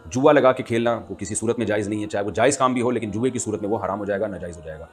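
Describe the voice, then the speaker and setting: A man, an Islamic scholar answering listeners' questions in a lecturing manner and reciting Arabic lines slowly. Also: fairly low pitch, faint music behind. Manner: lecturing, quotes Arabic verse slowly and clearly. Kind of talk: religious Q&A talk.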